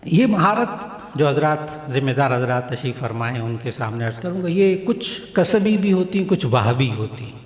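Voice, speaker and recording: A man's voice: mid-range voice, lively intonation, moderate pace. A male cleric explaining a point to an audience at a recitation contest, repeating key phrases and acting out examples to show what he means. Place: large mosque hall. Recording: echoey hall with long reverb.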